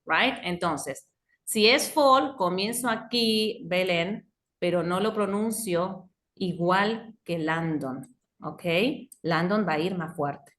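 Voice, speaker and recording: A woman's voice: fairly low pitch, slow pace, a bit bright. Argentine woman, phonology teacher on a video call, bilingual, keeps asking "ok?". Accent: Argentine Spanish. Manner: mixes Spanish and English, checks understanding often. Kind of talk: online class explanation.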